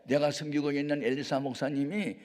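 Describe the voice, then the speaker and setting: A dutiful servant, as a preacher puts him on, relaying instructions in a matter-of-fact, quick way. The words echo through a large hall. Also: male voice, fairly high pitch, little pitch movement, a little mellow, voice pushed up, close to an everyday voice. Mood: plain. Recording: reverberant hall.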